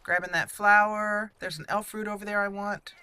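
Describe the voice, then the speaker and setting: Playing through a fantasy game, this gaming channel host offers casual let's-play commentary and slips into in-character roleplay. She speaks at a normal speed in a medium pitch with little movement, her tone sharp and clean.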